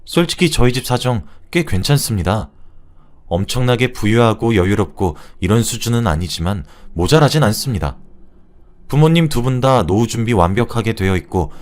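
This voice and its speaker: A man's voice: fairly low pitch, animated, normal speed. A man tells a dramatized first-person story, narrating and speaking his own lines in the scenes.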